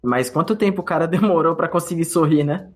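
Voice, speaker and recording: A man's voice: a little high, a little fast, soft background music. A Brazilian man co-hosting a podcast, telling a story in casual chat and acting out his own past thoughts. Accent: Brazilian Portuguese. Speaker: podcast co-host.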